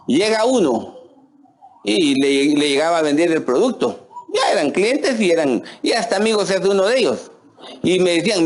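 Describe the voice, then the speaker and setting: A middle-aged Guatemalan pastor preaching in a chatty, folksy way. His voice sits high for a man and swings up and down a lot, and he keeps calling out "hermano" to his listeners. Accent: Guatemalan Spanish. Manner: folksy, addresses listeners as "hermano", many fillers and restarts. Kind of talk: conversational sermon.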